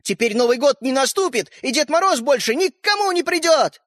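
A woman reader voicing an impatient, hot-headed schoolboy who shouts bluntly at his sister. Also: on the high side, sing-song, a little fast, slightly rough, dry recording, clean studio sound, pitched above the performer's own voice, heavily acted. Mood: angry.

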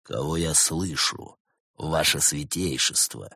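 Man playing a smug snow leopard, low, quiet, slow, audiobook. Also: vocal fry, husky, dry recording, clean studio sound, heavily acted. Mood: sly. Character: sly male snow leopard, cool and smug.

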